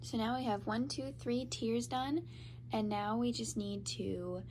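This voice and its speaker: A woman's voice: on the high side, steady tone, unhurried, darkish tone, a little hiss or hum. A young woman with a stuffy, congested nose from a cold, chatting through a crochet tutorial in an upbeat, casual way. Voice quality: nasal, congested. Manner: chatty, upbeat, talks over her hands-on work.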